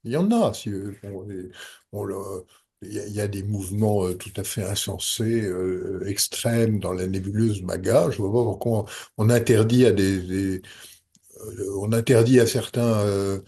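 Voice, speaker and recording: Husky low-voiced man. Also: a little slow, warm tone. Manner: emphatic, repeating words as he searches. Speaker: panel speaker. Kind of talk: conference panel discussion.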